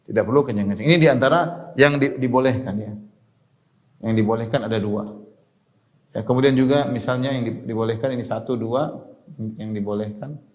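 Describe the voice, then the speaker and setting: A male preacher delivering a religious lecture in a steady mid-range voice. He explains step by step and circles back to restate each point, often closing phrases with a short "ya" to check in with listeners. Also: medium pitch, a little fast, pauses often. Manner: explanatory, repeats key points, tags phrases with "ya". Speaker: Islamic preacher.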